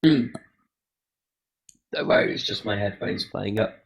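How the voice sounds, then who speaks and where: A man narrating a tabletop game as game master, in a halting, conversational way. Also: on the low side, vocal fry.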